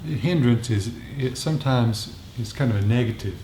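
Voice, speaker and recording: In a meditation group's meeting room, a man leads an informal discussion, explaining things reflectively and often repeating his phrases. His voice is medium-pitched, mellow and moderately paced. The room echoes, with faint background noise.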